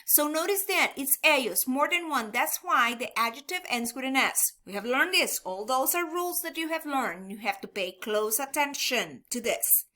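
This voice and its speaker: A woman's voice: sits high, lively intonation, moderate pace, bright, forceful tone. A woman teaching a recorded grammar lesson, speaking patiently, repeating examples and thinking aloud as she writes them out. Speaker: Spanish teacher.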